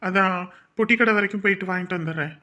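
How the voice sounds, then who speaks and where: A woman's voice: medium pitch, very fast, sharp tone, voice pushed down, close to an everyday voice. A woman voicing a meek, put-upon village husband. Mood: dutiful. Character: harried young village husband and father. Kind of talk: comedy skit acting.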